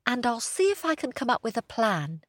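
A woman voicing a small, excitable young female watchdog who talks breathlessly and repeats herself. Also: on the high side, a little fast, no room sound, studio quality, voice pushed up. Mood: kind.

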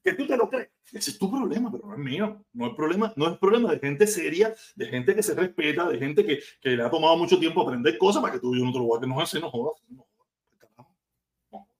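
A man's voice: a little high, animated, fast. A man from Cuba with a Cuban accent, ranting bluntly and profanely on a casual live stream.

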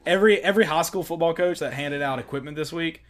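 A man's voice: fairly high pitch, fast talker. A man in casual sports chat, blunt and mocking, often imitating coaches. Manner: blunt, mocking, quotes coaches in put-on voices.

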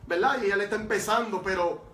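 Guy doing a wise old church lady, high and bright, kinda distant echoey sound. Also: brisk. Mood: firm, motherly. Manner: earnest, motherly exhortation. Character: wise, firm elderly woman church leader. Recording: roomy sound from far off.

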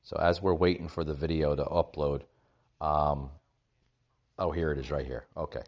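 A man with a deep voice delivers political commentary as a podcast host. He talks in a halting way and repeats phrases to drive points home. The sound is echoey and somewhat dull, like a makeshift setup in a rental room. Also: fairly even intonation, darkish tone. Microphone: makeshift setup without usual equipment.

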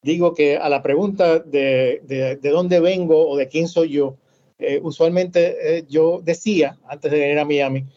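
A man's voice: fairly high pitch, steady tone, unhurried, mellow. Man with a Cuban–Puerto Rican accent. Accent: mix of Puerto Rican and Cuban Spanish. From Cuba. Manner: hesitant, many filler sounds. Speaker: scholar on a panel. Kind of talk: academic panel discussion. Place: lives in Miami. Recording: dull lo-fi sound.

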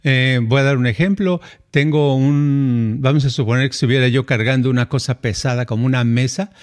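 A middle-aged man with a Mexican accent, a podcast co-host telling stories in a casual, animated way and acting out the voices he quotes. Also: mid-range voice, a little fast. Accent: Mexican Spanish. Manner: animated, acts out quoted voices, frequent fillers. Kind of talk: casual conversational storytelling.

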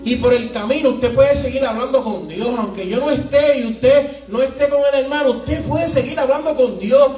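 High-voiced preacher, echoey church. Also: male voice, moderate pace, few pauses. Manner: animated, storytelling, emphatic. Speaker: pastor. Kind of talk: sermon. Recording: echoey room, mic at a distance, music behind.

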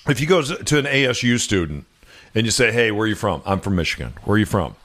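A man's voice: fairly low pitch, very animated, fast talker, a bit bright. A man from the American Midwest co-hosting a radio talk show, explaining things in a conversational way. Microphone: studio microphone.

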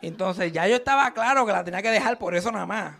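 A man's voice: high voice, fast, gravelly, some chatter behind. A young man performing live stand-up comedy, telling crude stories and acting out the lines he quotes. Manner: crude, animated storytelling with acted-out quotes. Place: comedy stage at a live show.

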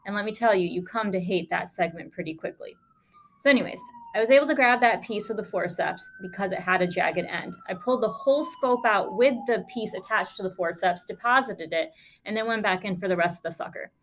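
A woman's voice: medium pitch, a little fast. A woman podcast host, a lung doctor, telling a case story in a conversational, emphatic way with sarcastic asides.

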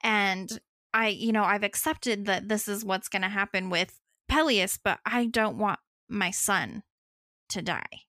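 A woman's voice: mid-range voice, measured pace, sharp tone, no echo, studio quality. A woman voicing an anxious immortal sea-nymph mother, pleading and worried. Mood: anguished.

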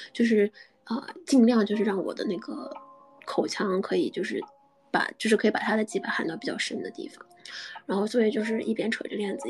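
A woman host telling a personal story in a soft, halting way, often dropping into a whisper. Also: fairly high pitch, rough recording. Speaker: podcast host. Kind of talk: intimate storytelling.

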